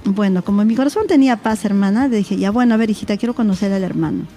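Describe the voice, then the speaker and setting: Mellow-voiced Peruvian mother telling her story. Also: mid-range voice, animated, rapid-fire, soft background music. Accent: Peruvian Spanish. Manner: storytelling, acting out remembered dialogue. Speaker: interviewed mother. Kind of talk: personal testimony on a church talk show.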